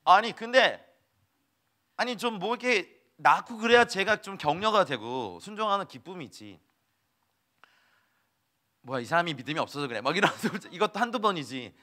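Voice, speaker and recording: A man's voice: high voice, lively intonation, normal speed, long pauses, bright, forceful tone. A man preaching a sermon as a missionary, telling stories animatedly, acting out dialogue and laughing often.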